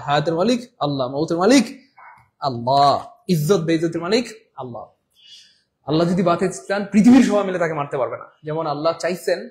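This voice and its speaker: High-voiced male teacher drilling questions. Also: a little mellow. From Bangladesh. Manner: asks questions and answers them himself, repeating key points. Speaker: grammar teacher. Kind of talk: classroom lecture.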